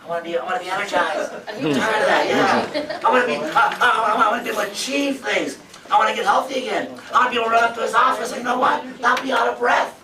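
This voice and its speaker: A man's voice: very high voice, fast talker, a crowd in the background. Man, 50s, motivational seminar speaker; emphatic, repetitive, rhetorical; echoey room, mic at a distance. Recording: roomy, from far off, faint background noise.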